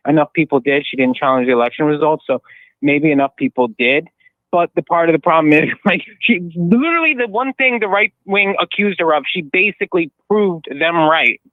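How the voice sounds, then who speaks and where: A man's voice: fairly high pitch, dry recording. A male caller on the phone to a radio show, talking in a rambling, heated way that jumps from thought to thought. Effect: over the phone. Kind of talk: call-in radio rant. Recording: tinny dry phone line.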